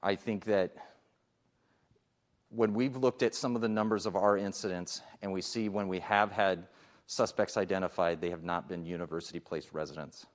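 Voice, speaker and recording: A man's voice: low voice, steady tone, moderate pace. A middle-aged man, a police chief, giving a conversational presentation at a public forum, with frequent fillers and restarts.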